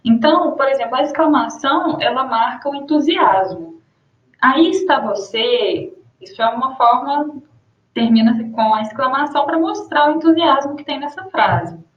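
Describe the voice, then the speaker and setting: A young Brazilian woman teaching a grammar lesson, explaining rules and slowing down to read out her examples. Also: high voice, animated. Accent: Brazilian Portuguese. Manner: explains with spoken examples, slows to dictate punctuation. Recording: roomy muffled lo-fi room sound.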